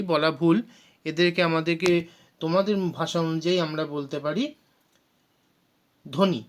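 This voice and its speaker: A man's voice: sits high, a bit bright. A male teacher explains grammar step by step in a patient classroom manner. He stretches out vowel sounds as he demonstrates them. He slips English words into his explanations and speaks of himself as "sir". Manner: mixes English words into speech. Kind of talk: Bengali grammar lesson.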